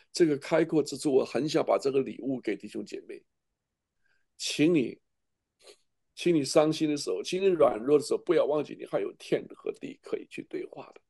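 A man's voice: mid-range voice, vocal fry, dark tone. A middle-aged man, a pastor, preaching a sermon with earnest, emotional testimony and frequent restarts.

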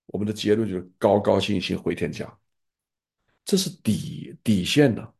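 A man's voice: lowish voice, normal speed, creaky, a little mellow, breathy edge. An older man, a pastor, sharing earnest fatherly advice in an online group gathering.

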